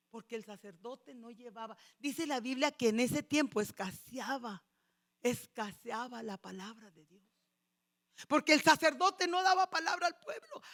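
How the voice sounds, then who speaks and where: A woman pastor preaching a sermon, animated and acting out the voices she quotes. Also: high voice.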